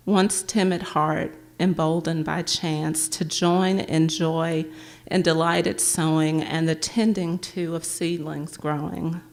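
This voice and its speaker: A woman reading her own poems aloud at a public library event, with a measured, gentle recitation. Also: deep voice, vocal fry.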